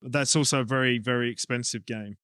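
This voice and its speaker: With a mid-range voice that's a bit bright and smooth, this English man speaks fairly quickly and with fairly even intonation. He's a rugby coach and club director appearing as an interview guest, casually explaining ideas as he reasons them out. The sound is dry and studio-clean.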